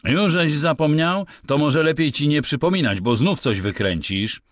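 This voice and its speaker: A man doing a gruff, exasperated ranch hand. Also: a little high, expressive, moderate pace, no room sound, studio quality, pitched above the performer's own voice, natural voice. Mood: stern. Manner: exasperated, blunt and slangy.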